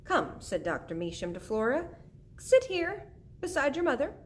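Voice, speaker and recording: Gentle, soothing older woman doctor, high voiced, read by a woman. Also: very animated, moderate pace, a little hiss or hum. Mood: kindly.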